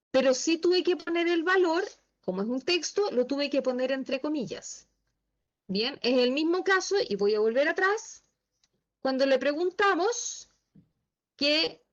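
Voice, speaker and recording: Female instructor, high voice, patient step-by-step teaching, slightly muffled call audio. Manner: patient, asks the class checking questions. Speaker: Excel instructor. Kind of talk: online class teaching. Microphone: video call.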